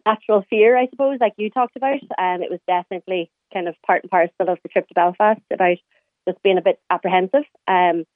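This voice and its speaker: A woman's voice: lowish voice, fast, no echo. A woman in her late thirties with a Donegal Irish accent, chatting informally and reminiscing as a caller to a radio show. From County Donegal, Ireland. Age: late 30s. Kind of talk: personal reminiscence in casual conversation. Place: phone call to a radio show. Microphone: telephone. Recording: tinny phone line.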